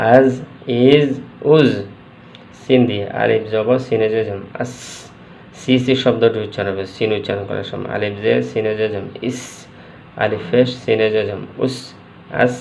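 Male teacher, low monotone, patient repetitive drilling, dull lo-fi recording with light background hiss. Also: creaky. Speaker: Quran reading teacher. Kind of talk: slow step-by-step recitation lesson. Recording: dull lo-fi recording with faint noise.

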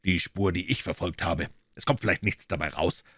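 Man voicing a calm, lecturing master detective. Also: low-pitched, moderate pace, breathy edge, no echo, clean studio sound, full character voice. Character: calm, superior male detective.

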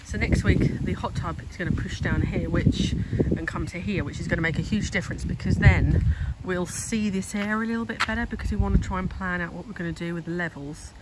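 A woman vlogs her home renovation while walking outdoors through a garden building site, holding a phone camera and thinking aloud in a chatty way. Her fairly low voice runs a little fast with hardly any pauses, over heavy background noise.

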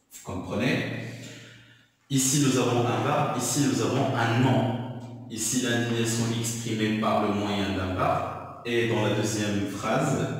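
A man teaches a recorded lesson at an unhurried, deliberate pace, stopping often on fillers and repeating himself. His voice sits at an ordinary middle pitch. It sounds hollow and roomy, with a long reverb, as if he stands some way back from the microphone. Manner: slow, patient explaining with many fillers and repetitions. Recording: echoey room, voice far from the mic.

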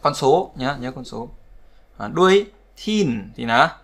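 Male language teacher with a gravelly, bright voice, explaining patiently and repeating examples. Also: medium pitch, animated, slow pace. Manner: repetitive, conversational, checks with "đúng không?". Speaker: English pronunciation teacher. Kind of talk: explaining word stress in a lesson.

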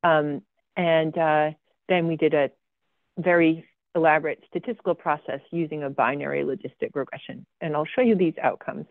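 A woman's voice: deep voice, steady tone, moderate pace, dry recording. A woman giving a slide presentation about her research. She talks with frequent ums and dry, sarcastic asides. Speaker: guest speaker presenting research. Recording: tinny phone-like video call audio, dry.

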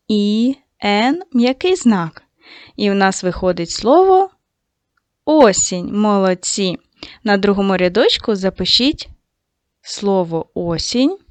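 A woman teacher giving a video lesson to second graders, speaking slowly and patiently and addressing the children directly. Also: medium pitch, no echo. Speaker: primary school teacher.

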